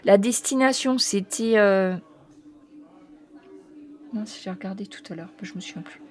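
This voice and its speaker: Hesitant woman game master reading a list. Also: mid-range voice. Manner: hesitant, many fillers while reading out a list; reads foreign names haltingly. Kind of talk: narrating a tabletop role-playing game.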